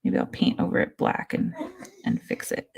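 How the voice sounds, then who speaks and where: A woman hosting a casual rock painting livestream, sniffling from allergies and chatting as she paints, sometimes dropping to soft murmurs. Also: normal speed. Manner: chatty, talks through her painting, drops to soft murmurs. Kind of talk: casual chat while painting.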